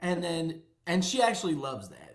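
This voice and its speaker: Man, pastor, casual vlog chat, teasing, laughs often, drawn-out storytelling. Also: a little high, very animated, a crowd in the background.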